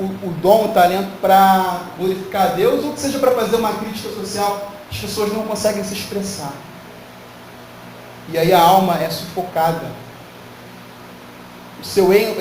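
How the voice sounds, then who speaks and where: A man with a fairly high voice preaches emphatically, firing rhetorical questions at his congregation. He is picked up from a distance, so the voice sounds set back from the mic. His words ring through a very echoey hall over a faint hiss. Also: a little mellow. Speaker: pastor. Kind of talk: sermon. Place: church hall.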